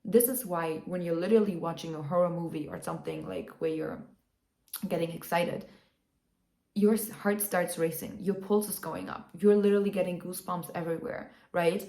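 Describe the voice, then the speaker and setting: A woman vlogger with a somewhat low voice coaxes her viewers through a motivational self-help talk. She sounds upbeat and keeps checking in with "you know" and "right?". The room has a noticeable echo. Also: fairly even intonation, moderate pace, mellow. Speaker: lifestyle vlogger. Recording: echoey room.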